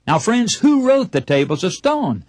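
A man's voice: sits high, sing-song, moderate pace, a little mellow, dry recording. A man preaching a broadcast Bible sermon, emphatic and putting rhetorical questions to his listeners. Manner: acts out short imagined dialogues. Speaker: radio preacher.

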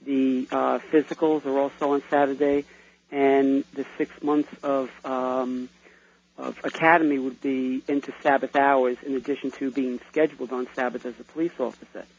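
A man's voice: medium pitch, level tone, normal speed, vocal fry. A man phoning in to a radio call-in show, asking his question earnestly and hesitantly. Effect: phoned-in radio caller. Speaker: caller. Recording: muffled phone line on radio.

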